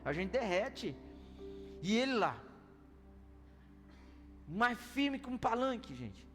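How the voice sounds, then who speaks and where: A man preaching a sermon as pastor, telling a story in an animated way that swings between loud and hushed. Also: very high voice, slow. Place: church service hall. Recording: reverberant church hall with soft music.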